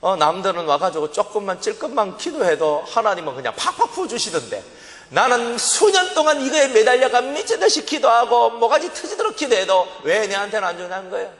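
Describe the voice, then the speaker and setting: A man preaching with a Gyeongsang accent, his high voice swooping widely as he tells his testimony with great drama. He acts out his own past pleas. The voice rings with the long reverb of a church hall. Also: very animated, brisk, fairly bright tone. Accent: Gyeongsang Korean. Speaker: pastor. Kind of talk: sermon with vivid personal testimony. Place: church sanctuary.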